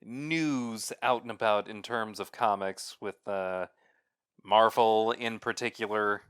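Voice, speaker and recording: Slow, halting man with a bright voice. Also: on the low side, smooth, no echo. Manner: slow, halting, many fillers, wry complaints. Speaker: podcast co-host. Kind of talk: casual podcast chat.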